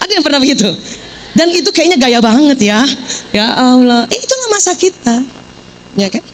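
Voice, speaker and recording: A middle-aged woman giving a lively, joking parenting seminar, quizzing her audience. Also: high-pitched, moderate pace, a little hiss or hum, low-quality recording.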